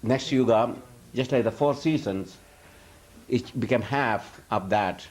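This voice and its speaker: A slow, slightly mellow mid-range male voice belongs to a spiritual teacher addressing audience questions at a live, informal lecture. He drifts from point to point, restarts his sentences frequently, and laughs lightly as he talks.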